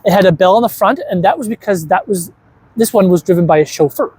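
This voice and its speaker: Brief: male co-host, relaxed and excited, explains exhibits while walking an indoor museum hall. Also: high voice, fast. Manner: enthusiastic, rambling with many restarts. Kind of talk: casual chat touring a museum.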